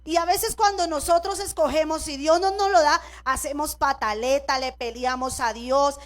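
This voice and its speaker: A middle-aged woman pastor preaches with a Colombian accent. Her voice sits very high, and she talks to the congregation directly, drawing them in with calls for agreement and repeated amens between personal stories. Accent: Colombian Spanish. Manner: personal storytelling, congregation prompts with "amén" and "¿cierto?". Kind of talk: sermon. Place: church.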